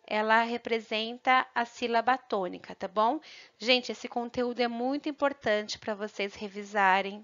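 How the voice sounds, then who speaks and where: A woman teacher giving a recorded lesson, checking in often and sounding out syllables slowly and clearly. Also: fairly high pitch, fairly bright tone. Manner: patient, checks in with "tá?" and "tá bom?". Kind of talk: recorded online grammar lesson. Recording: muffled lo-fi audio.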